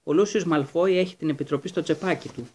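A man voicing a huge, soft-hearted groundskeeper in a storybook reading, halting and loud. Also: a little high, voice pushed up, natural voice. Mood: sorrowful.

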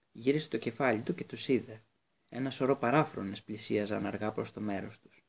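A man narrating an audiobook in a steady reading voice, with occasional slips and restarts. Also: medium pitch, vocal fry.

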